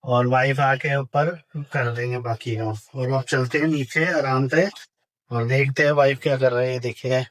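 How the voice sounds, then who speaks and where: A man's voice: medium pitch, fairly even intonation, normal speed, a bit bright, no room sound. A man narrating a casual family vlog as he walks through his home and rooftop, talking straight to the viewers. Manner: chatty tour-guide narration, repeats "ये देखिए" and "मतलब". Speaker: family vlogger.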